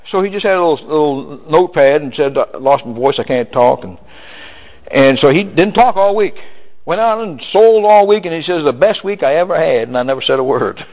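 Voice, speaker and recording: A man with a fairly high voice gives a folksy sales talk, acting out customers' replies as he goes. He sounds tinny and lo-fi, as if heard over a phone line. Long reverb trails his words through a big hall. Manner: folksy, animated storytelling with acted quotes. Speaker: sales trainer. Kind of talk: live sales seminar talk.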